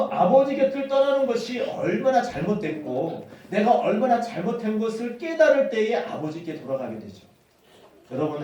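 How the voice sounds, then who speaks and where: A male pastor preaching a sermon as animated storytelling, acting out the quotes. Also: high-pitched, a little hiss or hum. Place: church hall. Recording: echoey hall from far off.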